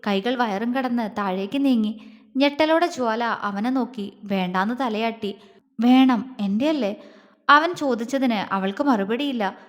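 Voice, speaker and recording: A woman storyteller narrating a romance audio story in a soft, steady, intimate way. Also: a little high, normal speed, big-room sound.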